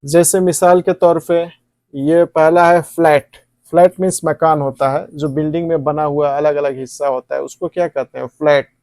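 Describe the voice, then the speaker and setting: A man's voice: a little high, steady tone, normal speed, a little mellow, no room sound. Hindi-speaking man teaching English, dry sound. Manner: asks questions and answers them himself, repetitive. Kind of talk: classroom lesson at a board.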